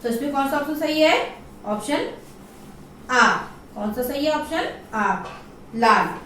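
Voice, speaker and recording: A woman teacher leading a primary-school class, asking questions and drawing out each answer slowly for the children to repeat. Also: sits high, expressive, a bit bright, heavy reverb, recorded from a distance, a little hiss or hum. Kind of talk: online class lesson.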